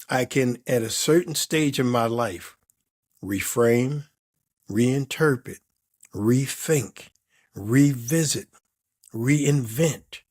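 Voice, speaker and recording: A man in his fifties or older, a performance coach answering interview questions in an emphatic, reflective way, stacking repeated words in lists. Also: mid-range voice.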